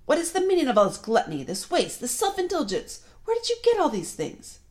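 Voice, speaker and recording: Imperious, furious witch queen read by a female narrator for a storybook; commanding, threatening, pitched up. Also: wildly swooping pitch, fairly quick, darkish tone. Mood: outraged, imperious. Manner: commanding, menacing, accusing. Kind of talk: storybook reading.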